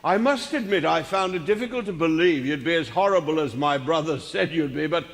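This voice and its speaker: An actor playing a jovial, mocking, commanding Christmas spirit in a radio drama, grand and declamatory, with long reverb on the voice. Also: male voice, fairly high pitch, animated, a little fast. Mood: mocking, stern. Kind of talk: musical radio drama acting. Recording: long reverb, faint noise.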